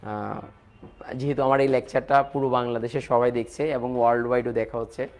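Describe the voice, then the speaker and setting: A man teaching chemistry in a live online lecture, repeating points, mixing in English terms and urging students to reply quickly. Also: mid-range voice, steady tone. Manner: repetitive, coaxing, mixes English terms into explanations.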